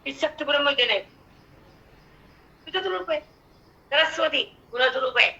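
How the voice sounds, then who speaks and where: Bright-voiced older Marathi woman teaching. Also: high-pitched, muffled recording. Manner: chants verses slowly, then explains in lively spoken asides. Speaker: spiritual teacher expounding scripture. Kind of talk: devotional discourse.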